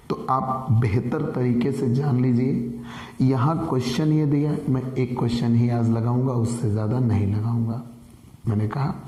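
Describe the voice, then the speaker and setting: A hoarse man teaches a commerce class in a mellow, dark voice. He repeats himself and quizzes the class, answering his own questions. The room is echoey, with a long reverb tail. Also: medium pitch. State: sore throat. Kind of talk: classroom lecture.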